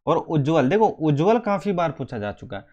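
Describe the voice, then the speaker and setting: A man's voice: on the high side, big pitch swings, a little fast, a little mellow, dull audio. A man teaching an exam coaching lesson, drilling spelling by repeating each word and calling his students friends.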